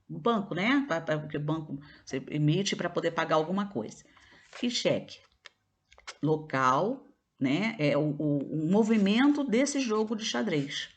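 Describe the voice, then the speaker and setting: Patient Brazilian teacher, lowish voice. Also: female voice. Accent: Brazilian Portuguese. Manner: patient, explanatory, frequent checks like "né?" and "tá?". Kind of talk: online classroom lesson.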